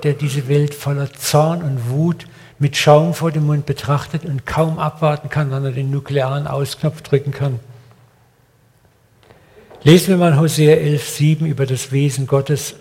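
An older man delivering a sermon in plain, blunt everyday speech, putting rhetorical questions to his congregation. His voice sits a little high for a man. The recording carries a long reverb tail, as from a large hall. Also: darkish tone. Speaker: preacher.

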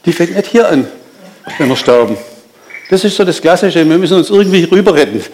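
A man preaching with a slightly high voice. He talks with lively emphasis, stops and restarts his sentences, poses questions and then answers them himself. He speaks straight to the people in front of him. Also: brisk, slight background noise. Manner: addresses listeners directly. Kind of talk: sermon.

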